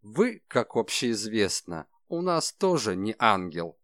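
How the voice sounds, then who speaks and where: A man voicing a shrewd, calm detective who speaks in a measured, ironic way, in an audiobook. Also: on the low side, dry recording, clean studio sound, heavily acted.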